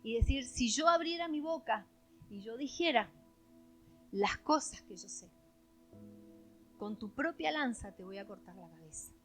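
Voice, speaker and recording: Woman pastor, Argentine accent, sermon, high voice, dramatic loud-soft delivery. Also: animated, measured pace, long pauses, soft background music. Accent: Argentine Spanish. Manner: dramatic preaching with sharp swings between loud and hushed.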